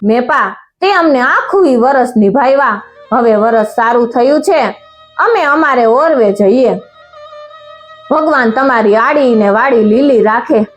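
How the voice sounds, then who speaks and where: A woman's voice: on the high side, lively intonation, unhurried. A woman voicing Aai Sonbai, a devoted mother. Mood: grateful. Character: devoted widowed mother, blessing and anxious. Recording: faint music underneath.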